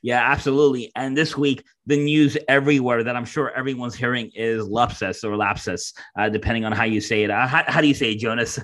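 A man hosting a podcast in casual chat, talking haltingly with many fillers and restarts. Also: medium pitch, steady tone, a bit bright. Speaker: podcast host.

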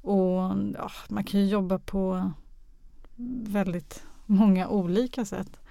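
A woman with a medium-pitched, warm voice speaks in a flat delivery with vocal fry, interviewed as a radio drama director or producer. She talks conversationally and hesitantly, searching for her words. The podcast audio is close, dry, studio quality, with no echo.

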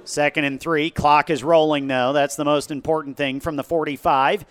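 A man doing live football play-by-play, calling each play briskly as it happens. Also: a little high, steady tone, clean tone. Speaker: play-by-play announcer.

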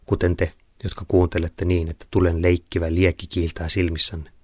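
A man narrating a dark tale in a solemn, theatrical manner, speaking directly to his listeners. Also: sits low, level tone, no echo, clean studio sound. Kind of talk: dramatic storytelling narration.

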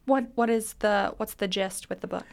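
A woman hosting an interview podcast, asking brisk questions and giving frequent short, encouraging acknowledgements. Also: medium pitch, gravelly. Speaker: podcast host. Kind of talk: casual interview.

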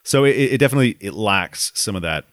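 A man's voice: lowish voice, expressive, fast, fairly bright tone, no echo, studio quality. A man co-hosting a podcast, telling game stories with enthusiasm and lots of "like.". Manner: enthusiastic storytelling, filler "like" throughout. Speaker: podcast co-host. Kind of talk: casual gaming chat.

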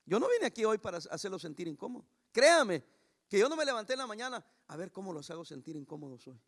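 A male pastor preaching with a high, gravelly voice. He talks emphatically, often raising his voice, and slows right down to read scripture word by word. The delivery is a full sermon. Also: sing-song.

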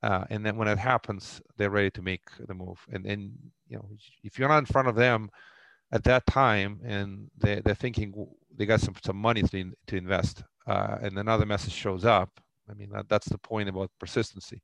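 Man, Russian accent, low voice, gravelly, halting with restarts, dry sound. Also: fairly even intonation, fairly bright tone, dry recording. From former Soviet Union. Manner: halting, many restarts and fillers. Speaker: real estate investor guest. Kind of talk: podcast interview.

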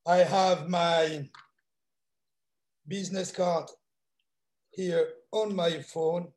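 A French man speaking English with a French accent on a video call, halting and repeating himself. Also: a little high, fairly even intonation, a little mellow. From France. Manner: halting, repetitive phrasing with non-native grammar. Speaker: real estate agent.

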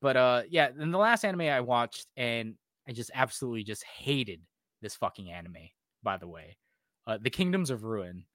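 A man's voice: medium pitch, lively intonation, moderate pace, a bit bright, no room sound, clean studio sound. A young man co-hosting a casual podcast, ranting sarcastically and swearing a lot, full of "like" and "um". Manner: frequent fillers like "like" and "um". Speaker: podcast co-host. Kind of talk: casual podcast review chat.

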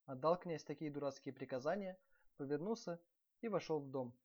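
A man hosting a podcast, reading a bedtime fairy tale in a lively, expressive way. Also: fairly high pitch, a little fast. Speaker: podcast host and storyteller. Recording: dull lo-fi recording.

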